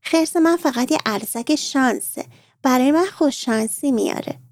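A woman's voice: no echo, clean studio sound. A woman voicing a little girl who insists she is too old for toys, speaking in a raised childish tone. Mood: protesting. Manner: high, childish and pleading.

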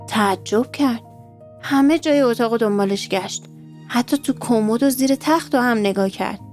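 A woman reading a bedtime story aloud and speaking directly to the children listening. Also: on the high side. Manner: warm, addresses children directly.

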